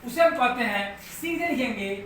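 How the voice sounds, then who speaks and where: A bright-voiced male teacher leads a live online class. He goes patiently step by step and keeps asking whether everyone has understood. His voice sounds distant in a very echoey room with faint noise behind it. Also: very high voice, lively intonation, moderate pace. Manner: patient, repeats steps, keeps checking students follow.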